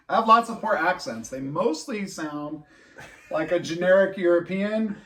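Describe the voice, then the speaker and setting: Guy rambling on a history podcast, kinda high voice, sounds a bit off-mic. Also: animated, measured pace, distant mic. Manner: rambling, laughs at his own jokes. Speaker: podcast co-host. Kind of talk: casual chat.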